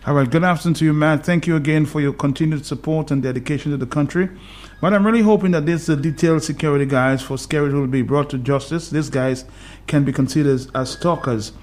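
Talk radio host taking calls. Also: male voice, fairly high pitch, darkish tone. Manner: brisk, chuckling, takes calls with a set phrase.

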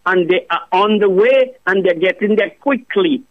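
High-voiced man ranting by phone. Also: normal speed. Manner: preachy, repeats the host's name, rhetorical questions. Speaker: caller. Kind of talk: impassioned call-in rant. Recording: muffled phone line.

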